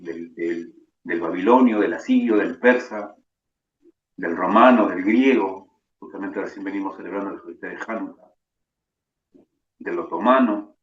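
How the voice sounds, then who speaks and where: A man with a Rioplatense accent, a rabbi giving a sermon-style lecture and telling stories while he keeps adding "¿no?". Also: low voice. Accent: Rioplatense Spanish. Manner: keeps adding "¿no?" tags, storytelling. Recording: echoey, dull, distant.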